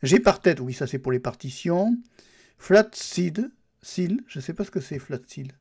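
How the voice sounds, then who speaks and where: A man's voice: fairly high pitch, animated, a little slow, a little mellow, breathy edge. A man casually thinking aloud as he tours a computer's settings and apps, talking straight to the viewer. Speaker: YouTuber testing a Linux distribution. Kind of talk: casual screen-recorded software walkthrough.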